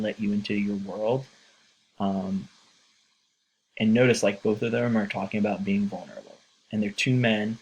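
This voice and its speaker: Earnest low-voiced male teacher. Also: breathy edge, poor audio. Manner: earnest, with many fillers. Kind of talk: casual lecture.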